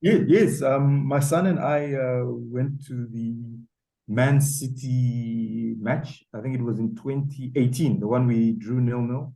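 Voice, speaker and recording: A man's voice: mid-range voice, takes it slowly, gravelly, warm tone, rough recording. A man in his forties from Zambia, chatting as a guest author with many ums and uhs. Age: 40s. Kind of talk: casual interview chat. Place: home, South Africa.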